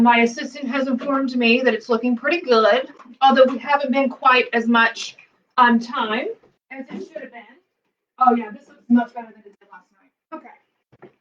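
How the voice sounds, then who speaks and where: A woman's voice: a little high, far from the mic, muffled recording. Chatty woman cooking, off-mic. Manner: chatty, rambling with many fillers. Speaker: cooking vlogger. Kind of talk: casual cooking demo. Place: home kitchen.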